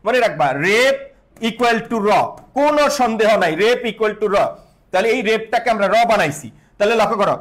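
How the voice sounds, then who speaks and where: A man's voice: sits high, fairly bright tone. A man teaching grammar in a live online class, repeating rules and quizzing students with call-and-response questions, slipping in English words. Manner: mixes English words into speech.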